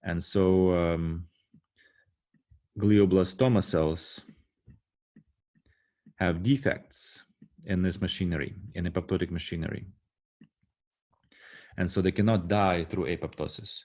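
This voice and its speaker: Deep-voiced man lecturing with many fillers. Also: mellow. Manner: halting, many fillers and restarts; asks the class rhetorical "right?" checks. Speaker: university lecturer. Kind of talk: classroom lecture.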